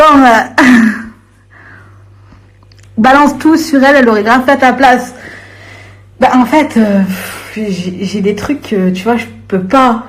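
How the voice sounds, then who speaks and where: On a live stream, a young woman launches into a confrontational, slang-heavy rant at her viewers, veering from low grumbles to shrill outbursts.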